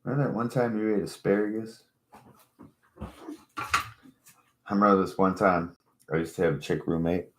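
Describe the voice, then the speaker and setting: A man's voice: low-pitched, fairly even intonation, normal speed, pauses often. A man telling stories in a casual, profane stoner chat, acting out quotes as he goes. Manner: laid-back, profane, storytelling with acted-out quotes. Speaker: co-host. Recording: echoey room.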